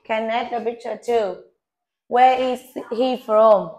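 A woman English teacher with a Vietnamese accent, giving an oral speaking test in a classroom with brisk short prompts and corrections. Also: on the high side, a little mellow. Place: classroom, off camera.

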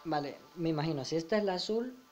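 Chuckling Spanish gamer, higher-pitched man. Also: animated, quick pace, a little mellow, faint music behind. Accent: Spain Spanish. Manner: casual, chuckling, reads game dialogue aloud. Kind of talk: let's play commentary.

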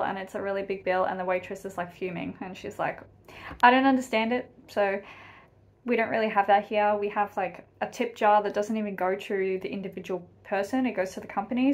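An Australian woman hosting a reaction video, chatting in a casual, emphatic way. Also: mid-range voice.

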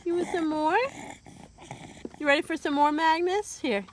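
A woman in baby talk, coaxing her infant to eat in a soft sing-song way at home. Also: high-pitched, steady tone, moderate pace, slight background noise. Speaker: mother feeding her baby.

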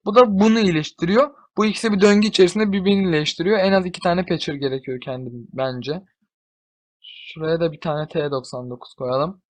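A young man giving casual gameplay commentary, excitable, often swearing and shouting at his units. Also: on the high side, brisk. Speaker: gamer.

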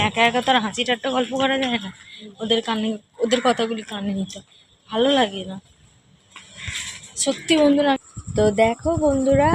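A woman's voice: on the high side, background noise. A woman with a Kolkata Bengali accent chatting casually to her viewers in a vlog, confiding and often calling them friends. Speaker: vlogger.

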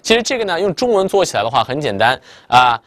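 A male English tutor teaches with a bouncy, animated voice that swings up and down. He talks at a brisk clip and speaks Mandarin with a Chinese accent. The sound is close and dry, with no room echo. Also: fairly high pitch. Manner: lively, chatty teacher, quizzing the viewer with "明白了吗". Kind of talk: online English listening lesson.

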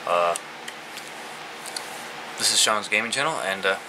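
A man in his twenties with a fairly low voice chats casually to the camera as he reviews food. His phrasing is halting and comes in short pieces. The recording is a homemade one in a room, with clear air-conditioner noise behind him. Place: small indoor room at home, seated.

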